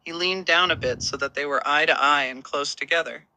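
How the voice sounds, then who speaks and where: A man reading a romance story as narrator, in an even, steady storytelling manner. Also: on the high side, brisk, a little hiss or hum, rough recording.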